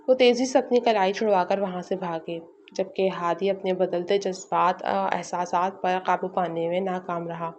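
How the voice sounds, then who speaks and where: A woman reads a romance novel aloud in a steady, expressive storytelling voice. Her pitch sits in an ordinary middle range. The recording is slightly muffled and lo-fi. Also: slight background noise. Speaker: narrator. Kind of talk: scripted novel narration.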